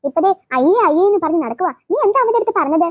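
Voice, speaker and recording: A woman's voice: extremely high pitch, animated, racing, dry recording. Woman doing a scolding senior schoolgirl. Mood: concerned. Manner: chiding, questioning. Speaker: cartoon voice actor. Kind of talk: cartoon voice acting.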